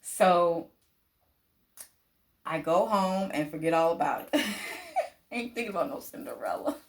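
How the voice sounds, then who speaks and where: A woman casually telling a personal childhood story to her viewers, chatty and lively, laughing often and acting out the voices of people in it. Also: fairly low pitch, measured pace. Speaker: vlogger.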